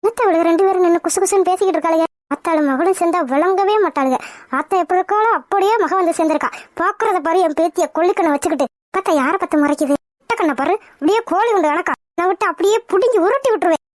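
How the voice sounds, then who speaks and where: A woman voicing a sharp-tongued old village grandmother who scolds and quarrels, in a cartoon. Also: very high-pitched, very fast, dry recording, studio quality, pitched below the performer's own voice. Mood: scornful.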